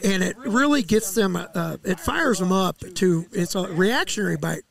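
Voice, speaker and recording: A middle-aged man, a fishing guide, explaining his methods in a relaxed, casual interview outdoors on a headset mic, with fillers and restarts. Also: high voice, normal speed, vocal fry. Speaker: walleye fishing guide, podcast guest. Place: outdoor deck by a lake.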